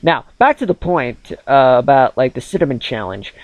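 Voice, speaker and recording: A man's voice: medium pitch, sing-song, moderate pace, no room sound. Rambling young man, dull dry mic. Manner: rambling, heavy with fillers like "like" and "uh". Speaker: gaming channel host. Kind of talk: casual chat over gameplay.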